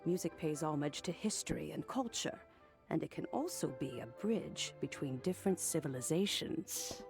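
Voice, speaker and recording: A woman voicing a kindly, genteel elderly woman in a game, gracious and gently teasing with old-fashioned phrasing. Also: low-pitched, lively intonation, moderate pace, creaky, over music. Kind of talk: game character dialogue.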